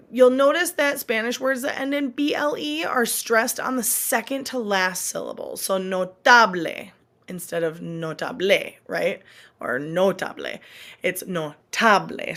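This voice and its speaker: A woman who is a Spanish teacher and a mother, speaking in a recorded online lesson and patiently repeating example words. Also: medium pitch. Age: adult.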